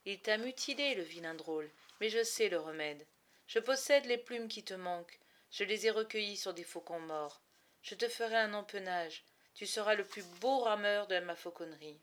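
A woman voicing a cunning male falconer who speaks softly and coaxingly, with a quiet menace, in a storybook reading. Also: medium pitch, moderate pace, lightly acted. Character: cunning adult male falconer, sweet-voiced and sinister.

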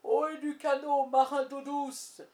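A woman doing a boy shouting like a pirate captain. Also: high voice, flat delivery, a little slow, roomy sound, pitched above the performer's own voice. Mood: commanding. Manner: loud commanding shouts.

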